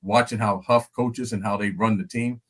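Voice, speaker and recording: Speaking on a casual podcast as a guest analyst, this older ex-NFL lineman has a lowish, fairly bright voice with a steady tone and moderate pace. He talks with animation, says things more than once, and often throws in "you know what I'm saying."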